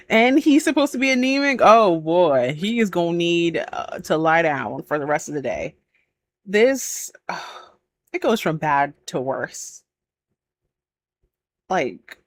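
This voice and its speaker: A woman's voice: lowish voice, no echo. A woman hosting a reaction video, chatting casually, exclaiming and laughing often as she reacts.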